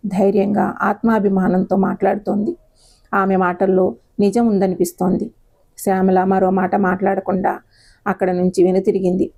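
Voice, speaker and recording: A woman narrating a moral audio story in a steady, expressive storytelling manner. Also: mid-range voice, normal speed, gravelly.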